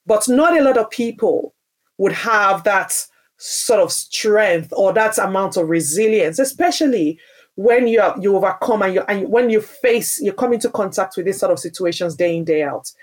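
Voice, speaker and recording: Her voice medium in pitch and animated, moving at a moderate pace, a Nigerian founder and mother describes her career in a podcast interview. She speaks earnestly and with emphasis, restarting phrases often as she tells her personal story.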